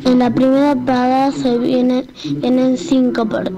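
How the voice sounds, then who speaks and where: A kid reciting a riddle in a sing-song way, as a woman puts him on. The voice is very high, and loud crowd noise sits behind it. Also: little pitch movement, a little slow, low-quality recording. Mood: riddling. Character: kid cousin posing a riddle.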